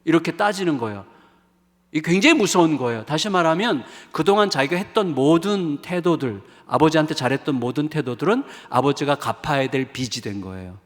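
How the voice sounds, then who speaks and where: A middle-aged male pastor preaching a revival sermon with emphasis, rising to exclamations and dropping to hushed asides. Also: on the high side, animated, brisk. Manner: emphatic, swings between raised exclamations and hushed asides, acts out quoted voices. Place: church sanctuary. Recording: long reverb of a church hall.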